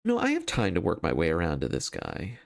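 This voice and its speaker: A man's voice: deep voice, huge pitch swings, brisk, creaky. A man thinking aloud as he hosts a solo card game playthrough, casual and wryly self-deprecating.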